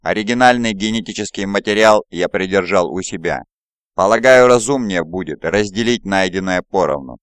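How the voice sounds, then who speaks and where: A man voicing a sly, scheming male primarch in an audiobook, smooth and mocking. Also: low-pitched, normal speed, dry recording, clean studio sound, close to an everyday voice. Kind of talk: audiobook character voice.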